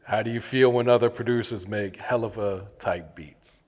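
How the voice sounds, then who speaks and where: A man's voice: fairly low pitch, moderate pace, long reverb tail. A man interviewing someone in a casual chat, informal and slangy in his phrasing.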